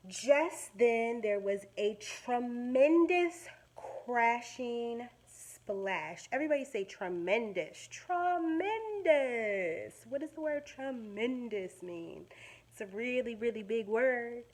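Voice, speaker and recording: Her voice on the high side, a woman teacher performs a children's story dramatically and expressively, breaking off to give young listeners easy explanations of words.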